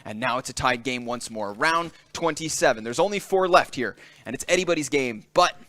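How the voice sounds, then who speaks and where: A man calling live esports play-by-play, brisk and analytical. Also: medium pitch, expressive, bright, forceful tone, no room sound. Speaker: esports caster.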